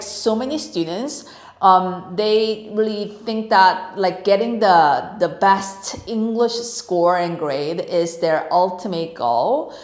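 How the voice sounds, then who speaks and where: A woman's voice: medium pitch, echoey room. A Korean woman teaching English in accented English, talking earnestly to camera with many fillers. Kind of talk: casual talk to camera.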